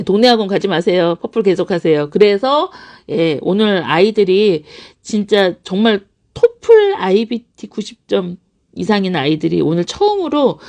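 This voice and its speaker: A woman's voice: mid-range voice, mellow. A woman running an English academy, talking casually to parents on a live stream and often laughing as she acts out examples. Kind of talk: live-stream talk answering parents' questions.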